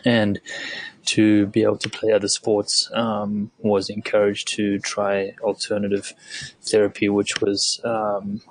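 Middle-aged man from South Africa, monotone low voice, dead-dry sound, hesitant interview guest. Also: a little slow, no echo. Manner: hesitant, many ums and restarts. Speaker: guest, former Olympic swimmer. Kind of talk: conversational interview.

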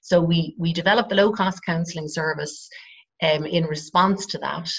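A dull, lo-fi recording of an Irish woman in middle age. Her voice is low and croaky. She explains things informally, measured and hesitant, pausing often as she goes. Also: steady tone, a bit bright. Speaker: psychotherapist, interview guest. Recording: dull, lo-fi sound.

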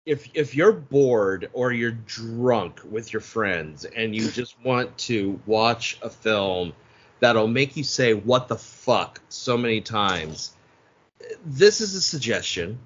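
A man's voice: medium pitch, lively intonation, slow, slightly rough. A man co-hosting a podcast, chatting casually about a movie with loose, profane talk and many restarts. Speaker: podcast co-host. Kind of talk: casual movie review chat. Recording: dull lo-fi podcast audio.

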